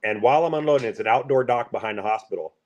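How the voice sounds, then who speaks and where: A man from the Pacific Northwest, a truck driver, telling a story in a casual, rambling, halting way with many fillers. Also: mid-range voice, dull audio.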